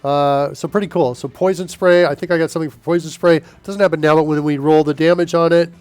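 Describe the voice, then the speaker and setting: Here a stuffy-nosed man talks fast through a live coding stream, his slightly high voice steady, darkish, clear and resonant. He chats casually with viewers, answering chat between tasks and dropping plenty of fillers, while soft music plays in the background.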